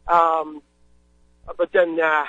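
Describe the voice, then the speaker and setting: A man calling in over a clipped phone line, his bright, somewhat high voice coming through dull and dry. He rambles in a friendly, casual way and leans on fillers as he talks from a moving vehicle. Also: monotone, very slow, no room sound. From Missouri, US. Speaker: caller. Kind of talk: casual call-in chat.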